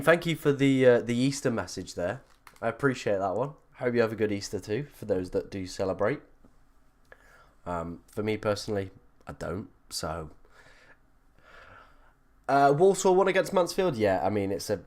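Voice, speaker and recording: A man hosting a casual livestream with a croaky, froggy voice from being ill, chatting informally and a little self-deprecatingly. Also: lowish voice. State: ill, under the weather. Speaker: livestream host.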